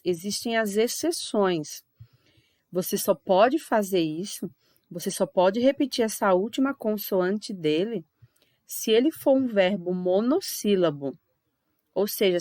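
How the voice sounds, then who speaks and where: A woman with a Brazilian accent, an English teacher giving an online grammar lesson, patiently repeating each example slowly and clearly. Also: mid-range voice, a little mellow, no echo, clean studio sound.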